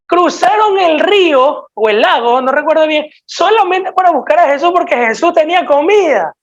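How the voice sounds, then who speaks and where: A high-pitched woman with an Ecuadorian accent delivers a sermon, firm and scolding as she presses her listeners to change. Her voice swings suddenly between loud and quiet. The recording sounds dull and lo-fi. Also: lively intonation, normal speed. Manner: emphatic, direct and scolding, with sudden swings in loudness. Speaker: preacher.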